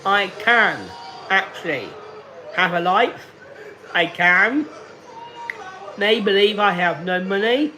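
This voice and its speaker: Slow-talking man in his late thirties. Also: high-pitched, expressive, pushed and bright, faint music behind. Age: 30s. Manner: slow, deliberate and repetitive. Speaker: livestreamer. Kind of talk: casual live stream talk.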